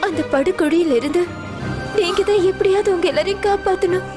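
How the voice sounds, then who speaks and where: A woman's voice: very high voice, a little fast, music in the background. A woman dubbing a frightened young woman in a film, pleading and tearful over a film score.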